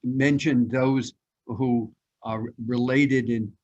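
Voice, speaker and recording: A man, a surgeon, speaking haltingly with many pauses and fillers over a video call. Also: mid-range voice, fairly even intonation, a little mellow, highs cut off. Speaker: pediatric orthopedic surgeon. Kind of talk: online discussion.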